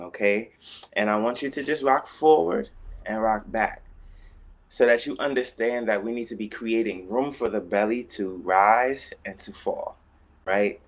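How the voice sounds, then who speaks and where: A man leading a live-streamed guided breathing class, calm and coaxing, checking in often with "okay?" and "all right?". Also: lowish voice. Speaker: breathwork instructor.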